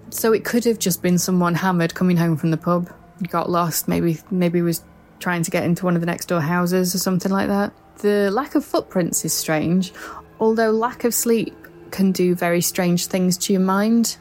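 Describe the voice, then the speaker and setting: A woman's voice: fairly low pitch, darkish tone, slight background noise. A woman podcast host with a mixed Mancunian and Yorkshire accent, talking in a chatty, informal way. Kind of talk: casual podcast chat.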